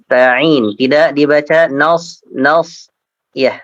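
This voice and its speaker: Patient Indonesian Quran teacher, dry lo-fi sound. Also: male voice, fairly high pitch, steady tone, slow pace, a bit bright, no room sound. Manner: patient, corrects letter by letter and repeats syllables. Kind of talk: tajwid lesson with slow model recitation.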